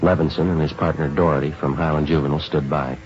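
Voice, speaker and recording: An actor playing a deadpan, clipped police sergeant who narrates and questions in a vintage radio drama, courteous and matter-of-fact. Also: male voice, very deep voice, fast, soft background music. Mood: flat, factual. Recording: dull, band-limited vintage radio recording.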